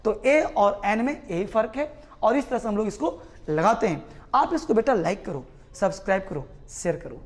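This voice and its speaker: A man's voice: sits high, expressive, moderate pace. A man with an Indian accent teaching English. He explains patiently in a classroom style, repeats phrases and talks to his students as if they were children.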